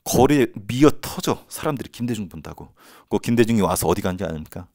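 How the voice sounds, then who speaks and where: A man teaching history in a casual, animated lecture style, acting out quotes and crowd chants. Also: on the low side, fast talker, no echo, clean studio sound.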